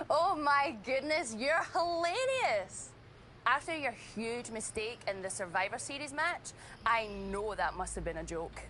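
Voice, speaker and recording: A smug Scottish wrestling champ. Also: female voice, takes it slowly, slight background noise, heavily acted. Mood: mocking. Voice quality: bright, lively and mocking, with high laughs. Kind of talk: video game dialogue.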